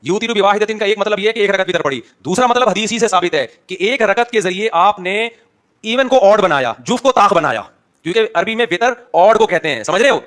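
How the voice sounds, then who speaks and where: An Islamic scholar answers questions from his audience, patiently explaining, checking that listeners are following, speaking to them directly with rhetorical questions, and offering short acknowledgements between questions. He has a high-pitched, fairly bright voice with lively intonation.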